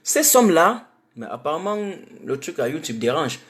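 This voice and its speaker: A woman's voice: low-pitched, sing-song, normal speed. A woman from Cameroon, giving impassioned, defiant political commentary on a livestream and repeating phrases for emphasis. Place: home in Germany. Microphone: webcam or phone mic on a livestream.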